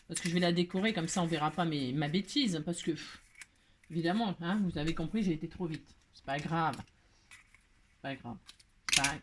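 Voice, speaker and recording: A woman's voice: fairly low pitch, a little hiss or hum. A woman hosting a casual craft tutorial, chatty and self-mocking, full of fillers and repeated asides.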